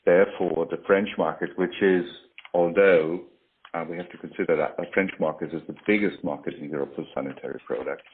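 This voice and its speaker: A man speaking as an industry expert in a business interview over a call, explaining in a hesitant, halting way. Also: low-pitched, fairly even intonation. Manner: hesitant, halting delivery with pauses. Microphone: phone or online call. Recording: muffled call audio, faint typing noise.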